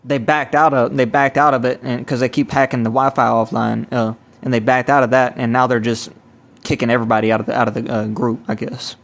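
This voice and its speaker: Speaking into a camera or phone, a self-described evangelist gives a rambling testimony in a gravelly, mid-range voice. His delivery stays flat and halting, full of repetition and restarted phrases.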